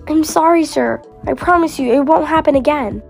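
Girl voicing a tired poor mother; high, apologetic, pleading; toy-game role-play. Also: moderate pace, vocal fry, faint music behind.

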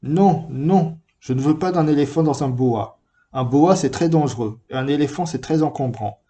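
A man's voice: a little high, normal speed, warm tone, lightly acted. A man reading aloud, voicing a small, earnest, curious boy prince in a storybook reading. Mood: insistent.

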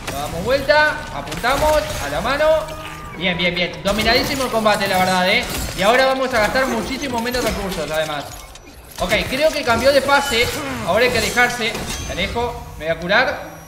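A young man commenting on his game, excitable and jokey, swearing and taunting the monsters. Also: very high-pitched, fairly quick, echoey room. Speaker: gaming channel host. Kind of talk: let's play commentary.

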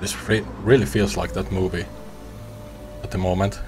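A young man from Finland casually talking over a game he is playing for the first time, chatty and relaxed with small restarts, on a headset mic at home. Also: low-pitched, normal speed, over music. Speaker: gaming streamer. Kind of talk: casual let's-play commentary.

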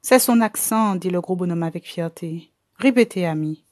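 A woman reads a very fat, kindly man in an audiobook, hearty and a bit proud. His voice comes out warm and mellow. Dry, close sound. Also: fairly low pitch, normal speed, no echo, natural voice.

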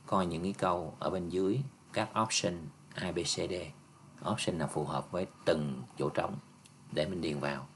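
Very low-voiced male teacher. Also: slight background noise. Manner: patient, explaining step by step with frequent "nha" and "nè". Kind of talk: exam review lesson.

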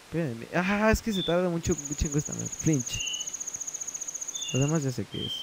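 A man's voice: fairly high pitch, expressive, normal speed, background noise. A man with a Mexican Spanish accent giving casual let's play commentary, muttering and swearing as he translates. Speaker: gameplay commentator.

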